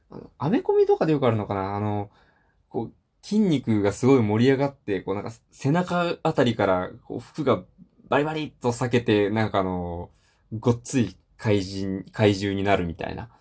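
A man's voice: fairly low pitch, darkish tone. A man hosting a casual solo talk show, rambling with many fillers and self-deprecating asides. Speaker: solo podcast host.

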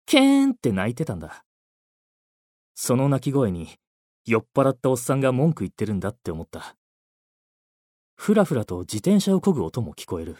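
A man narrating a first-person ghost story in a scripted, hushed telling that sinks to near-whispers at tense moments. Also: medium pitch, dry recording, clean studio sound. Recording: faint music underneath.

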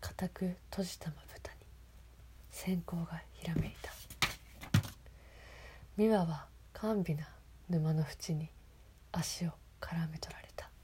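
A woman speaks in a hushed whisper, her voice sitting a little low. She reads excerpts and then chats about them, breaking into small giggles. A faint hiss runs under the recording. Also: takes it slowly, pauses often. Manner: soft whispering, frequent giggles. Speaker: host of a reading segment. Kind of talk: whispered reading and commentary.

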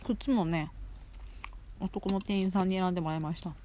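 This solo audio show features a woman chatting loosely as she eats, talking with food in her mouth and repeating phrases a lot. Her lowish voice is warm, with fairly even intonation and a normal speaking speed. A faint hiss or hum runs underneath.

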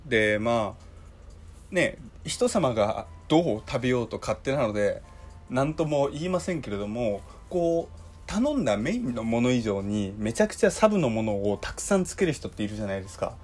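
Hoarse young man chatting, lively pitch. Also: moderate pace, faint music behind. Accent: Kansai. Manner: chatty storytelling with many fillers. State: hoarse, dry throat. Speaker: podcast host. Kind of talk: casual solo talk.

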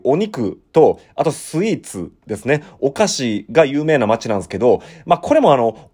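This is a laid-back solo show where a thirtysomething Osaka man, a podcast host and musician, reads through letters from listeners. His western Osaka Kansai accent carries rambling, talkative explanations marked by animated rises and falls in pitch.

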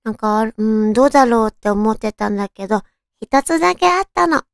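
A woman with a cute, girlish anime-like voice, chatting casually on her own as a radio talk host, with softly drawn-out phrasing. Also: fairly high pitch, animated, creaky, no echo, studio quality. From Tochigi, Japan. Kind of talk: casual solo chat.

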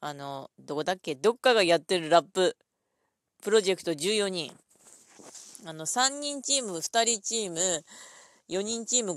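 A woman talking alone in a casual, rambling way, full of fillers, thinking aloud at her computer and drifting into quiet mumbles. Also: fairly low pitch, dry recording. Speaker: solo podcast host.

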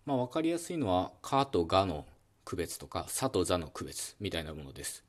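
A deep-voiced man speaks fairly quickly as he hosts a solo educational podcast. He calmly explains phonetics, uses many fillers and demonstrates speech sounds aloud.

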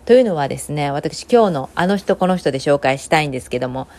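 A woman's voice: deep voice, lively intonation, fast talker, darkish tone. A woman with a Kansai accent, hosting a casual solo talk segment, rambling and giving her opinions freely with many fillers. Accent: Kansai Japanese.

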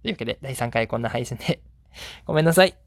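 Man, solo podcast host, quick casual storyteller, self-mocking, dry close mic. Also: medium pitch, lively intonation, dry recording. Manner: rambling and self-deprecating, with frequent "ne" tags.

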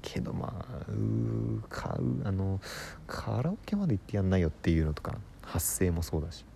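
A man, a comedian hosting his own radio show, telling a rambling story in a casual solo monologue, mixing fast patter with drawn-out words. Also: low voice, animated, vocal fry, dark tone, slight background noise.

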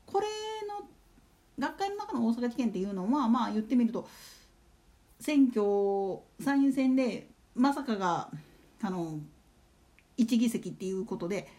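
A woman's voice: fairly high pitch, warm tone. A woman hosting a casual solo talk show, chatting and putting rhetorical questions to her listeners. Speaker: solo radio talk host.

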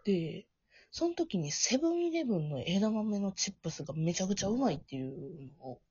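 Husky, hungover woman with a whiskey voice. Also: mid-range voice, sing-song, brisk, darkish tone, no room sound. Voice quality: husky, booze-roughened whiskey voice. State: hungover, hoarse. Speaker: podcast host. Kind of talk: casual chat. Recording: dull, muffled lo-fi audio.

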